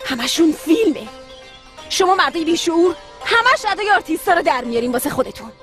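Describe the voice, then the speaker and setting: Hot-headed young woman in a dubbed comedy drama, high pitched, snaps and insults. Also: expressive, a bit bright, soft background music. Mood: angry. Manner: irritable, insulting, snappy. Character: hot-tempered young woman, sharp-tongued.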